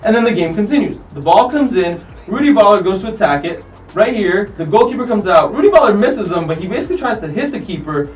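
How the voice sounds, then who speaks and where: Brief: male host, high-pitched and animated, off-mic slightly, music bed behind, casual soccer commentary. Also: distant mic, rough recording. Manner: animated, profane, acts out players' lines. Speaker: host of a soccer countdown show. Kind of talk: casual commentary over match footage.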